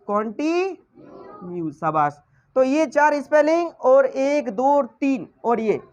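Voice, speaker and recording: An English teacher with an extremely high-pitched voice gives a lesson, quizzing the class with repeated questions and then answering them himself. The audio sounds dull.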